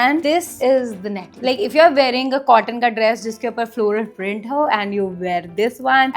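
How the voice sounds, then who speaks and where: Gushing young woman with an Indian accent. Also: fairly high pitch. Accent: Indian English. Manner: gushing, mixes Hindi and English. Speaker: vlogger. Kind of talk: casual haul video.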